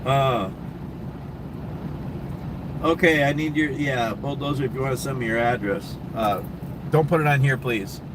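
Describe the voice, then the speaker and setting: This time the Minnesota-accented host speaks a little slowly in a medium-pitched voice, leaving long pauses. He's answering viewer questions on a casual livestream, rambling with ums and restarts. Background noise from traffic and air conditioning surrounds him at a truck stop.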